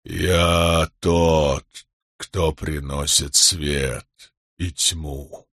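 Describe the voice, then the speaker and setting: A man voicing an ancient, cold male storm god in an audiobook, with a grave, rumbling delivery. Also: fairly even intonation, extremely slow, fairly bright tone, dry recording, studio quality, full character voice.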